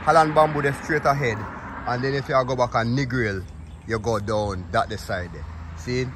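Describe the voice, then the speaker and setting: A man's voice: mid-range voice, moderate pace, slight background noise. Chatty Jamaican man outdoors. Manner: lively, chatty patois. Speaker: vlog host. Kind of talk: casual on-location chat. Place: outdoors at a rural farmyard.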